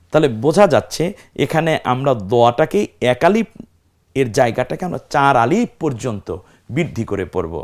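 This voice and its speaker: A man's voice: mid-range voice, a little mellow. A man teaching a step-by-step recitation lesson, spelling out letters, stretching vowels to demonstrate, and answering his own questions to the class. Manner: asks the class questions and answers them himself.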